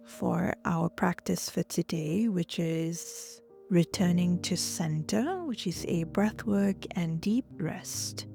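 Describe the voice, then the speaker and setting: A yoga instructor with a mid-range voice guides relaxation and breathwork over soft music. She is gentle and soothing, often trailing off into a breathy near-whisper.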